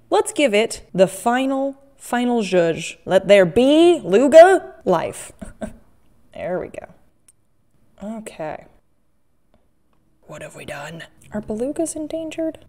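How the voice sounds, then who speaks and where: A woman's voice: medium pitch, darkish tone. Playful, chatty woman vlogger. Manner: playful, jokey, self-mocking. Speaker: host of an art-making video series. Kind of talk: casual chatty craft vlog.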